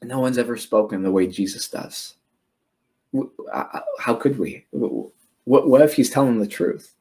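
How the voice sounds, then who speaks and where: A man's voice: medium pitch, moderate pace, dark tone, voice pushed down, close to an everyday voice. A man voicing nervous temple guards who stammer and hesitate. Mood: awed.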